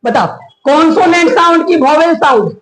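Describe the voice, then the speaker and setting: Male grammar teacher, classroom lecture, high pitch, roomy echo, quizzes students constantly. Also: normal speed. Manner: questions the class often, animated.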